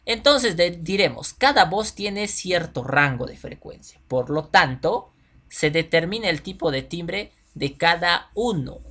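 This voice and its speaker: A man's voice: on the high side, fairly bright tone. A man teaching a video lesson to children. He speaks directly to the pupil, uses simple everyday examples and often checks that they follow. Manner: checks in with the listener often, asking "ya?".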